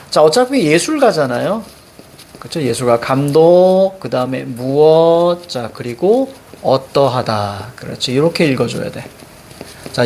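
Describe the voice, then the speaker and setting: With a fairly high pitch and slight background noise in a roomy-sounding space, a man runs a reading lesson aimed at exams. His lively delivery keeps returning to "자" as he steps through a passage and quizzes students with questions.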